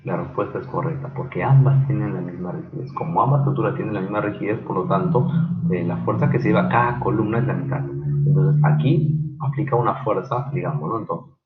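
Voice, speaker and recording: Low-voiced lecturer on a tinny line. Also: male voice, echoey room. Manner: halting, many fillers, quizzes students by name. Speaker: engineering lecturer. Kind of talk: online class lecture.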